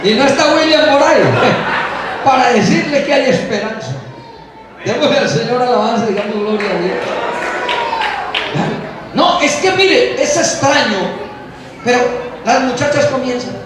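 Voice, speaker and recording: A man preaching a lively sermon to a congregation in a church hall, playfully mimicking the excuses of young people. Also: extremely high pitch, normal speed. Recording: very echoey hall, voice from far off, faint noise.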